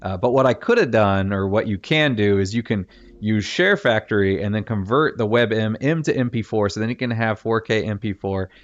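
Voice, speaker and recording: A middle-aged Virginia native with a matching accent streams a game and chats casually in a lowish voice at a moderate pace. He rambles, corrects himself, and works through his thoughts aloud. His desk mic sounds dull and lo-fi, with game music playing but no echo.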